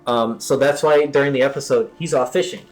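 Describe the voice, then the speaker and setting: Man, casual podcast chat, rambling, restarts sentences, soft music behind. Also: mid-range voice, quick pace. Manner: rambling, self-correcting, laughs often. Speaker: podcast co-host.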